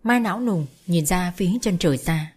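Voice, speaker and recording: A woman narrating a romance story in a steady, melancholy storytelling manner. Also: on the low side, moderate pace. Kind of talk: audiobook narration.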